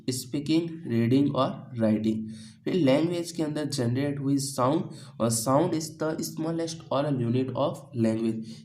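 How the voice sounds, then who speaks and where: A man's voice: mid-range voice, darkish tone, poor audio. A man teaching pronunciation in a coaching-class lesson, asking questions and answering them himself. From India. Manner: repeats key points as questions to students. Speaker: English teacher.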